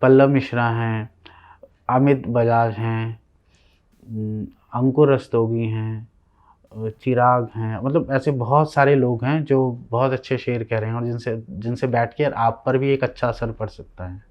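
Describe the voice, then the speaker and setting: A man from Himachal Pradesh, a poet, answering interview questions in a soft, hesitant way, pausing often and trailing off. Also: medium pitch, steady tone, highs cut off. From Himachal Pradesh, India.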